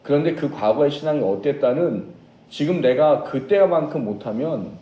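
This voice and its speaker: A man preaching a sermon as pastor, telling a story with lively changes and acting out shouted lines. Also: a little high, normal speed, echoey room, rough recording. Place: church sanctuary.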